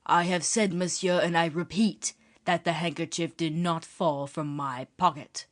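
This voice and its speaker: A woman reading an audiobook, voicing a young musketeer with churchly airs, polished, ironic and measured. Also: fairly low pitch, fairly even intonation, close to an everyday voice.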